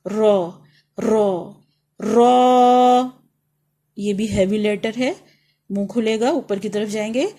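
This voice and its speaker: A woman with a Pakistani accent, a teacher leading a beginners' reading lesson, who calls out each letter loudly and drawn out, then explains it softly. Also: mid-range voice, steady tone. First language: Urdu.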